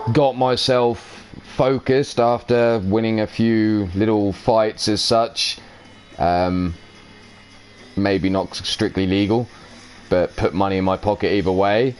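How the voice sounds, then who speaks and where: A man with a voice of ordinary pitch talks brashly and profanely. He answers in-character interview questions as a wrestler and chuckles now and then. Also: darkish tone.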